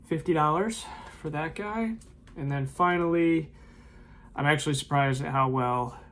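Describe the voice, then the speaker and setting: An eBay reseller vlogger with a fairly high, creaky voice casually goes over his weekend sales, full of ums and uhs. He talks loosely from a room at home lined with shelves of tapes, with slight background noise.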